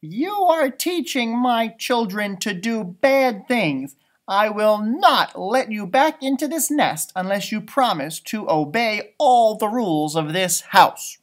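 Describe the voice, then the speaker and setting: Storybook mama bird, read by a man: strict, firm, deliberate scolding with animated pitch. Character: stern mother bird laying down house rules.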